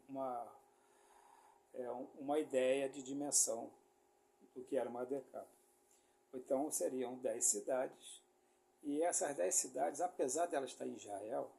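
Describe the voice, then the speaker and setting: Gravelly, mellow Carioca preacher man. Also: medium pitch. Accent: Brazilian Portuguese, Rio de Janeiro. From Rio de Janeiro, Brazil. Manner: explanatory, rambling, many fillers and tag questions. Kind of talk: informal sermon teaching.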